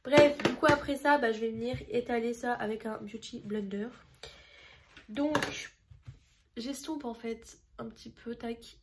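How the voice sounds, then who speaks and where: A woman's voice: fairly high pitch, unhurried, very noisy. Chatty young woman doing a makeup tutorial. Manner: chatty, rambling, self-deprecating. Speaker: beauty vlogger. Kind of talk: casual makeup tutorial chat.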